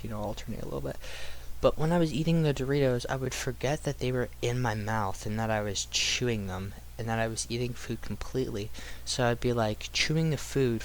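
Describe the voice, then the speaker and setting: A man's voice: medium pitch, slight background noise, poor audio. A young man telling a casual personal story in a rambling, slangy way with some swearing.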